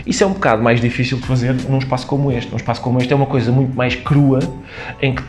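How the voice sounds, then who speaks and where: A man's voice: mid-range voice, quick pace, a little mellow, faint music behind. A man with a European Portuguese accent, a comedian being interviewed, explaining his ideas with examples and quoted asides. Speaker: comedian guest. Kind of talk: conversational interview.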